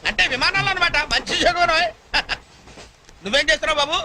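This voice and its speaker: An actor playing a boastful husband who scolds his wife without pause in a comedy film scene. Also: expressive. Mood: ranting. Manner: shrill, frantic, scolding nonstop. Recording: film scene under loud music.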